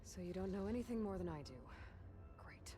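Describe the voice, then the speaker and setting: A woman's voice: mid-range voice, expressive, a little fast, warm tone, soft background music, lightly acted. An actress voicing a tough, dry-witted young woman hunter in a video game, terse and sarcastic.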